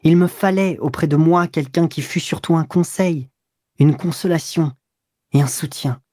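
A woman's voice: low-pitched, normal speed, dark tone, dry recording, clean studio sound, pitched above the performer's own voice. A woman voicing a young man confessing to his lover, pleading and slipping into whispers.

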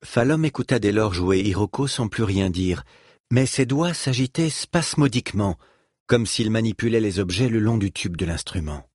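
A man reading a novel aloud with lively, rising and falling intonation. His voice is husky and slightly breathy, and the recording is dry and close. He tells the story with expressive rhythm. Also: fairly low pitch, normal speed, no echo. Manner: expressive storytelling, voicing each character. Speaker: narrator. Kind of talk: audiobook narration.

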